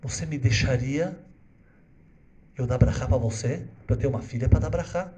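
A man playing a bereaved old rabbi, speaking softly and slowly in a comforting tone. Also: mid-range voice, muffled recording, lightly acted. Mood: tender. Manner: soft, slow, comforting.

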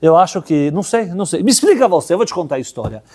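Man, religious teacher, lively storytelling sermon, husky and mellow tone, acts out the characters. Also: a little high, rapid-fire. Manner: animated storyteller, voices characters in dialogue.

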